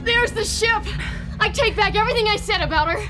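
A brave young princess with a very high voice, quick and decisive. Heavy music plays behind her. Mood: wry.

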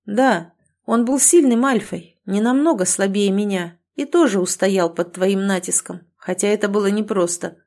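A woman voicing a calm, protective male alpha werewolf in an audiobook, speaking quietly and evenly. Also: medium pitch, normal speed, lightly acted. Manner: quiet, even and soothing.

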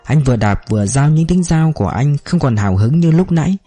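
A man narrating a novel in a steady storytelling manner. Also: a little high, brisk, no room sound. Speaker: audiobook narrator. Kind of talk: scripted narration.

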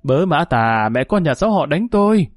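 A man voicing a shrill, spiteful older village woman who screeches abuse. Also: expressive, moderate pace, darkish tone, no room sound, clean studio sound, close to an everyday voice. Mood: shrieking abuse. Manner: screeching, abusive.

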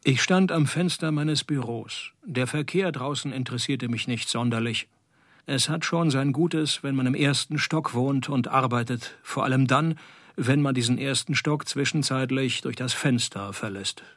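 A man playing a wisecracking, world-weary private detective in a noir radio drama, with a dry, sardonic, deadpan delivery. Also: medium pitch, moderate pace, no echo.

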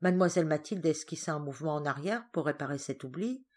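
Style: scripted audiobook narration. Sex: woman. Pitch: slightly low. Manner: measured, expressive. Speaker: audiobook reader.

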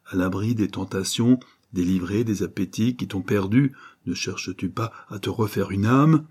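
A man's voice: fairly low pitch, mellow, slightly rough. A man voicing a stern, wrathful older former convict who accuses in a thundering way, read as an audiobook. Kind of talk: audiobook reading.

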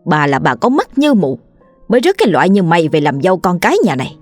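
A woman's voice: medium pitch, expressive, a little fast, no echo, soft background music, lightly acted. Woman putting on a cruel mother-in-law. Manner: harsh, scornful, bossy.

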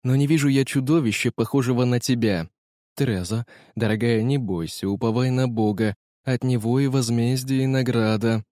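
A steady old bishop, as a man reading the story puts him on, speaks in measured, solemn phrases. His tone is low and quiet, recorded close and dry. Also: no echo, lightly acted. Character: calm, stern old male bishop.

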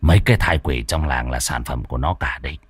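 A man doing a gruff, cursing old exorcist. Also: very deep voice, fast, no echo, pitched below the performer's own voice. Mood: grave. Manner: coarse, cursing, grumbling. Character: gruff, crude, hungry old male exorcist.

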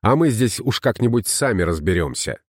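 A man's voice: fairly low pitch, very animated, normal speed, no room sound, studio quality. A man reading an audiobook, voicing a grim, red-haired wandering herbalist who speaks tersely. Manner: terse, curt.

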